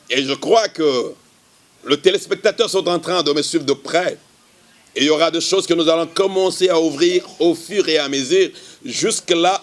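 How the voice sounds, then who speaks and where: A male pastor giving a measured televised sermon, often repeating the same explaining phrase. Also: a little high. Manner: measured preaching, repeats "qui est en fait".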